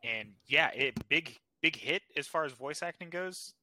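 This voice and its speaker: Man, podcast co-host, very bright voice, dry close sound, confident casual explaining. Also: on the high side, animated, a little slow, dry recording, rough recording. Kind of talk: casual chat.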